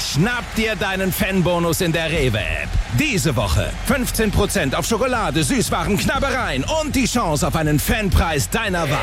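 Emphatic, slow male commercial voice over music. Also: a little high. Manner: dramatic, emphatic. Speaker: advert voice-over. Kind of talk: dramatic scripted advert.

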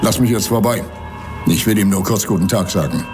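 An actor playing a wealthy, menacing country cousin in a radio drama, speaking in a formal, condescending, sanctimonious manner. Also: male voice, on the low side, fairly quick, over music, lightly acted. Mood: smug, insistent. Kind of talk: German radio drama acting.

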